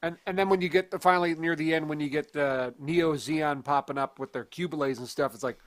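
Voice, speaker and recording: A man's voice: a little high, fairly bright tone, no room sound. A man co-hosting a casual podcast, talking emphatically and joking around. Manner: emphatic, joking, quick to laugh. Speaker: podcast co-host. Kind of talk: casual chat.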